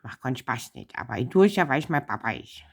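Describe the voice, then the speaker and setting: A woman's voice: extremely low pitch, very animated, fast, creaky, husky. A woman with a Bavarian accent hosting a casual comedic chat, bossy and teasing as she corrects someone. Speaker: show host teaching Bavarian.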